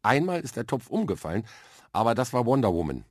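A man's voice: mid-range voice, very animated, quick pace, darkish tone, no echo, studio quality, pitched above the performer's own voice. A man voicing an earnest, shy young boy in a children's radio story, a little defensive.

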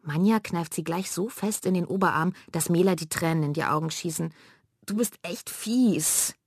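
Low-voiced woman reading a children's story. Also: fairly quick, slightly rough, no echo, clean studio sound. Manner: lively, expressive reading. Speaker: narrator.

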